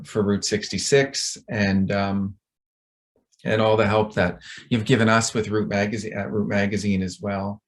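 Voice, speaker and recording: Chatty man speaking over a video call. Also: on the low side. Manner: chatty, rambling, self-deprecating. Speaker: conference speaker. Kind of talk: casual conference talk over video call.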